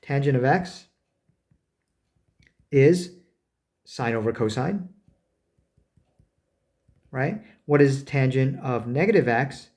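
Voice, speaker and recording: A man giving a math lecture, talking as he draws, with many fillers, self-corrections and quick "right?" checks. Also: mid-range voice, lively intonation, a little mellow. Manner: talks while drawing, frequent fillers and self-corrections; rhetorical "right?" checks with students. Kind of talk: recorded lecture at a board.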